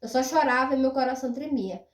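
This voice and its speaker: A young woman with a high, bright-sitting voice chats animatedly to her viewers, repeating her words for emphasis. She sounds a little off-mic, in a room with a noticeable echo that lingers around her. Her delivery is loose, personal storytelling. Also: fast. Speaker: vlogger. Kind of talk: casual storytelling to camera. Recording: roomy echo, mic at a distance.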